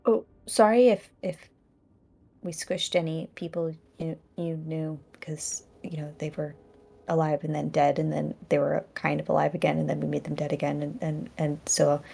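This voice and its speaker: A woman playing a tabletop game, chatty and playful, quick to argue rules. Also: deep voice, level tone, vocal fry, dark tone, slightly rough. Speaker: player.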